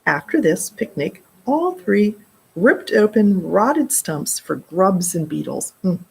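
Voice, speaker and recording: During storytime in a library children's room, an expressive middle-aged woman reads at a slow pace, stopping to explain words and chat with the kids. Her mid-range voice is gravelly with a breathy edge, heard through poor-quality audio.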